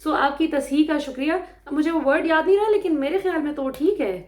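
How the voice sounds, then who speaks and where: A woman from Pakistan delivers political commentary straight to her viewers in a high, emphatic voice. She sounds indignant and often slips into English phrases. The room around her gives a noticeable echo.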